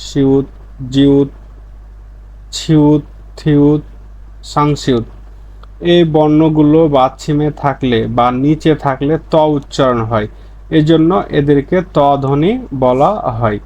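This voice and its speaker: Man slowly repeating Korean words for learners. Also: mid-range voice, fairly even intonation, a little mellow, muffled recording. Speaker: Korean language teacher. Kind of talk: explaining pronunciation rules.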